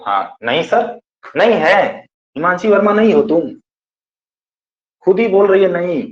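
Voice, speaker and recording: A man teaching a class, dictating notes slowly and asking and answering his own questions. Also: sits high, sing-song. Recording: echoey room, dull lo-fi sound.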